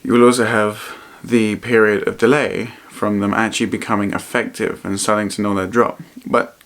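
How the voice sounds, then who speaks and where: A man vlogging in a reflective, personal way, speaking earnestly and haltingly and often repeating his phrases. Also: on the low side, little pitch movement, a bit bright. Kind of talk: personal vlog to camera, reflective talk.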